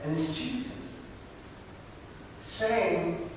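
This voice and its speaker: A man preaching a sermon in a church, telling stories with lively, dramatic delivery. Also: fairly high pitch, extremely slow, a little hiss or hum. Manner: animated storytelling preacher, acts out voices. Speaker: pastor. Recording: distant mic in a reverberant church.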